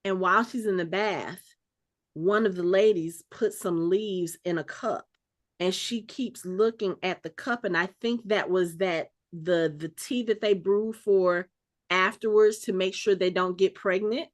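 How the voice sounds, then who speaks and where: A woman co-hosting a casual podcast, talking over scenes in an animated way and acting out the exchanges as she recaps them. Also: mid-range voice, a little slow. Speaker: podcast co-host. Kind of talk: casual chat.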